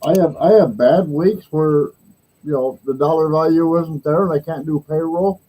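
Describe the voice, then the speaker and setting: A man's voice: a little high, normal speed, rough recording. A man in his sixties chatting casually as host, rambling through stories and laughing easily. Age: 60s. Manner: relaxed, rambling storyteller who laughs easily. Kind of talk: casual chat.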